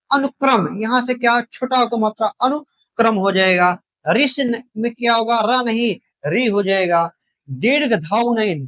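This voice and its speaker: A man's voice: high-pitched, a bit bright. A man teaching spellings for an exam, drilling each word with questions and repeated answers, addressing viewers directly. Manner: keeps asking rhetorical questions and repeating the answers; addresses viewers directly, calls them brother. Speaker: Hindi exam-prep teacher. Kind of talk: spoken lesson, drilling spellings.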